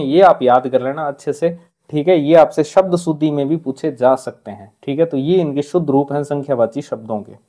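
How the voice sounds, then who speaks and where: A man's voice: fairly high pitch, mellow. A man giving an exam-prep grammar lesson. He drills correct and incorrect forms and checks in with "ठीक है" after nearly every point. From Rajasthan. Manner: repeats points with frequent "ठीक है" check-ins; drills correct pronunciations, contrasting right and wrong forms. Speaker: teacher.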